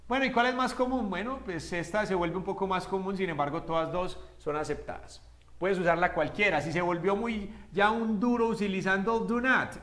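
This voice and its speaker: A male English teacher runs a lively whiteboard lesson in a fairly high voice. He asks his own questions and answers them himself, and he stretches each English example out slowly and carefully. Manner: slows down sharply for English example phrases.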